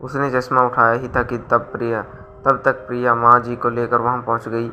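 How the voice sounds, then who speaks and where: A man narrating a scripted moral story in an even, steady way. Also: medium pitch, normal speed, muffled recording, faint music behind.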